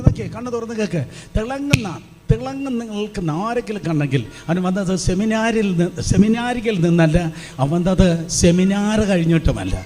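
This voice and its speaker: A man's voice: sits high, mellow. A man pastor preaching a fervent Pentecostal sermon in a church, urging the congregation to repeat lines aloud. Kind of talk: Pentecostal sermon with call-and-response. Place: church hall before a congregation.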